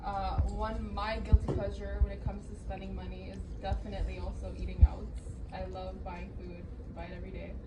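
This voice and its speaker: A young woman from Canada hosting a casual financial workshop in a relaxed, chatty way. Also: medium pitch, a little fast. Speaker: workshop host. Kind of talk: casual group workshop talk. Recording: distant mic with loud noise.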